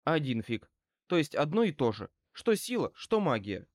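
A man's voice: a little high, very animated, normal speed, no room sound, studio quality. A man reading an audiobook and voicing a brassy, defiant female crook who snaps back with sneering retorts. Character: middle-aged female small-time crook, brassy and defiant.

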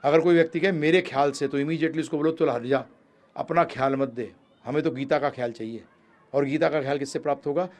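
A man giving a Gita discourse, rising to loud emphatic peaks and dropping to low, quick asides, asking the audience questions and answering them himself. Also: fairly even intonation. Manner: addresses listeners as prabhu ji. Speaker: preacher.

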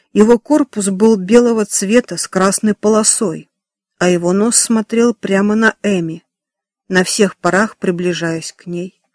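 A man narrating a children's novel in a steady, expressive storytelling manner. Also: high-pitched, no room sound, clean studio sound. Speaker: audiobook narrator. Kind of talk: scripted narration.

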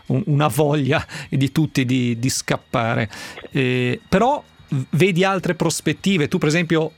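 A man's voice: mid-range voice, vocal fry, dry recording. A man hosting a radio talk show, introducing topics and guests in a rambling way with many restarts. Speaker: radio host.

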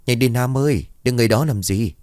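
A man voicing a young policeman comrade who talks in a hurried, urging way. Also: mid-range voice, a little mellow, no room sound, clean studio sound, pitched above the performer's own voice, lightly acted.

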